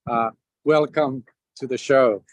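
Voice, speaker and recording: A man from Finland hosting a community discussion, speaking haltingly with many repeated words and fillers. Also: medium pitch, steady tone, dry recording, poor audio. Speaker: host. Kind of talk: hosting a community video event.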